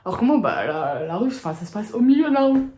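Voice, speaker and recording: A woman's voice: on the high side, very animated, fast, dark tone. A woman vlogger telling a story in a casual, slangy, rambling way. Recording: roomy echo.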